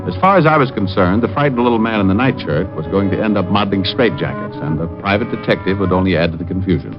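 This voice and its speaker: Quick and lively in intonation, a low male voice delivers wry hardboiled narration as a cool private detective recounting his case in vintage radio drama style. The old recording is dull, with music faintly in the background.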